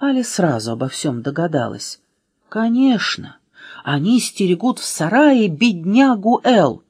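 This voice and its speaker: Woman, children's storybook reader, expressive, lively intonation, husky voice. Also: a little slow. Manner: expressive, changing pitch for drama.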